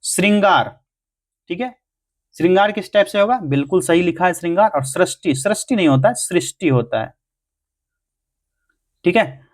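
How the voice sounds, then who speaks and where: Higher-voiced man explaining exam answers. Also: expressive, moderate pace, long pauses. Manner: explains answers step by step, asking and answering himself. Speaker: exam prep teacher. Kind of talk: Hindi grammar lesson.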